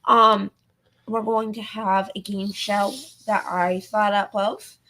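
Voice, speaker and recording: Woman with a gravelly, worn voice. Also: medium pitch, flat delivery, takes it slowly, sharp tone, a little hiss or hum, poor audio. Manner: hesitant, many ums and likes. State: losing her voice. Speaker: podcast co-host. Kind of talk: casual podcast chat.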